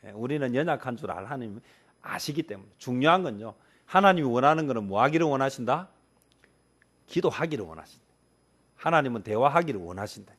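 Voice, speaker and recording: Korean pastor preaching with rhetorical questions. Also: male voice, a little high. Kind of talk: sermon.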